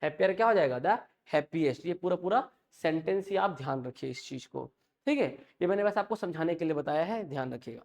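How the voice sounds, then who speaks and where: A man's voice: fairly high pitch, expressive, brisk, darkish tone. A male English teacher, lecturing a class and repeating each point as a question and answer.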